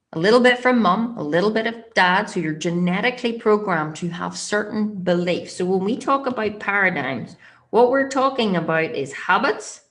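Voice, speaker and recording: A woman's voice: mid-range voice, a bit bright. A woman with a Northern Irish accent teaching as a motivational coach, speaking emphatically and directly to her listeners and checking in with them.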